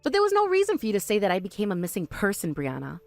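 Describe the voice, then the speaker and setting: A woman voicing a calm, sharp-tongued young woman in an animated story, speaking firmly and with dry exasperation. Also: medium pitch, racing, vocal fry, no echo, faint music behind.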